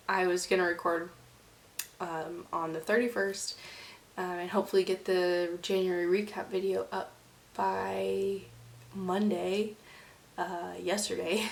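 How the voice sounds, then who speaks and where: A young woman with a cold, speaking softly and haltingly as she chats through her monthly knitting recap, her voice congested and sometimes slipping into a whisper. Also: on the low side, vocal fry, a little hiss or hum. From Oregon, USA. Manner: soft and halting, slipping into whispers between coughs. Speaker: knitting vlogger. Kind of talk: casual chat.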